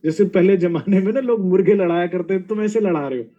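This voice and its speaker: A man's voice: high voice, quick pace, phone-quality sound. A man giving a devotional sermon, scolding his listeners with rhetorical questions and mocking asides. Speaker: spiritual preacher.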